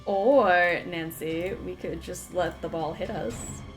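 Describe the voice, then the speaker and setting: A woman's voice: lowish voice, slow pace. A woman giving casual game commentary as a streamer, with wry, joking asides. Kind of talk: casual game commentary with read-aloud game text. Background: game music.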